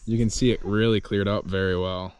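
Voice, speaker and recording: This casual hiking vlog features a man in his twenties on a rainforest volcano trail, talking into an action camera at arm's length. His fairly low voice is steady, brisk and a little mellow, and faint outdoor sound comes through.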